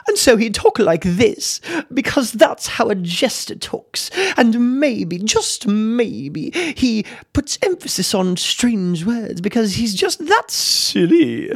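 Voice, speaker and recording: A high, silly British jester. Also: male voice, big pitch swings, slow, creaky, hardly any pauses, heavily acted. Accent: exaggerated British. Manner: odd emphasis on strange words. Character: silly male court jester who lives to make people laugh.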